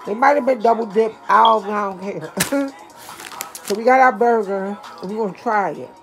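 An older woman reviewing fast food in casual chat, talking straight to her viewers. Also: mid-range voice, over music. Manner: chatty, talks straight to viewers.

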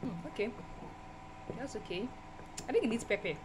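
A young Nigerian food vlogger films herself on a handheld phone in her small home kitchen, chatting casually and thinking aloud while she cooks. Her voice is on the high side, animated and moderately paced, and she often exclaims. The noisy phone recording clearly picks up cooking sounds, with the phone held behind the camera.

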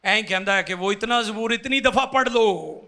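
On a church stage, a fervent pastor in his forties delivers a sermon through a handheld mic. His high, bright voice carries a gravelly edge, and he takes his time, building up to loud, impassioned peaks.

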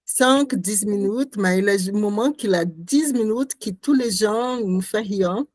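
A woman artist, not a native French speaker, talking about her performance in a halting way, searching for words and restarting often. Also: medium pitch, darkish tone, no echo. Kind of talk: conversational interview talk.

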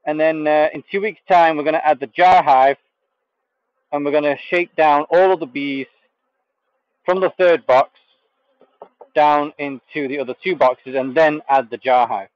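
A man's voice: fairly high pitch, normal speed, pauses often, no echo, dull audio. Man chatting through a hive inspection. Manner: relaxed, hesitant with many fillers. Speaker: beekeeper host. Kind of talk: live hive inspection walkthrough. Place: outdoor bee yard. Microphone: camera mic, speaker off frame.

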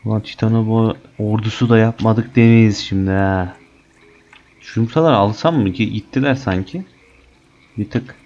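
A man giving casual, chatty commentary on his gameplay as a channel host, excitable and cursing lightly at the creatures. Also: lowish voice, normal speed, dull audio, a little hiss or hum.

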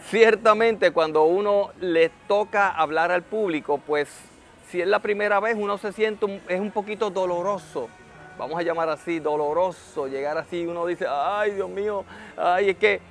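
High-voiced man giving encouraging advice. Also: normal speed, a bit bright, soft background music. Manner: encouraging, addresses the viewer as a friend; acts out nervous beginners' voices in quotes. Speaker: network marketing motivational speaker. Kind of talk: motivational vlog advice. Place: hotel, ends showing a rooftop view.

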